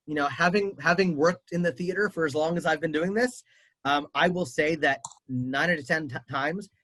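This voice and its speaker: A man's voice: a little high, fairly bright tone, no room sound, rough recording. A man coaching a family on college auditions over a video call, chatty and upbeat with lots of fillers. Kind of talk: casual advice on a video call.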